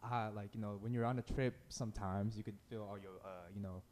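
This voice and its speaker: A man in his twenties from Indonesia, a musician guest on a casual live interview. He talks quickly and in a loose, rambling way, full of filler words, in a fairly low voice. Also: fairly even intonation, a little mellow, a little hiss or hum. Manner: loose, rambling, heavy use of "like" and "bro".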